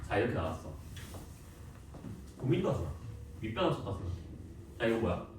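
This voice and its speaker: A male math teacher giving a classroom lecture, lively and teasing, quizzing students with quick questions. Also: lowish voice, background noise. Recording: echoey classroom, voice from far off.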